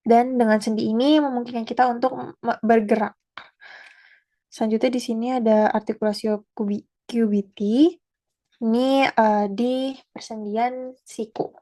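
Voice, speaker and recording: A young woman student presenting an anatomy lesson, talking in a halting way with fillers and self-corrections. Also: fairly high pitch, steady tone, warm tone.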